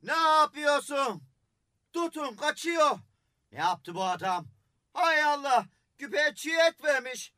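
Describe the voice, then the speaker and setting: An actor playing an excitable, gossipy cook and former wrestler in a radio drama. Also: male voice, very high voice, slow pace, dry recording, clean studio sound, full character voice. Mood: alarmed. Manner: excitable, wailing, chattering.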